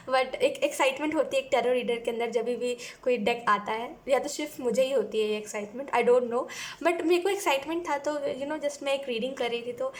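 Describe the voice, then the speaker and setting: A young woman giving a chatty tarot reading, talking casually and often asking "है ना" and adding "you know". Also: high voice. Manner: chatty, mixes English phrases, repeats "है ना" and "you know". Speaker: tarot reader.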